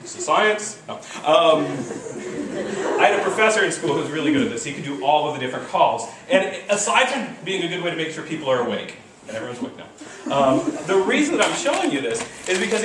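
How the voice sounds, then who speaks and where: Animated male lecturer in an echoey hall. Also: high voice, quick pace. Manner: animated, mimics animal calls, keeps asking "right?". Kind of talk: classroom lecture. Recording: echoey hall, mic far off, faint noise.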